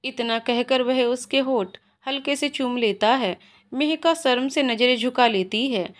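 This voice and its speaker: A woman's voice: fairly high pitch, measured pace. Woman reading a romance story aloud. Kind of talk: scripted story narration.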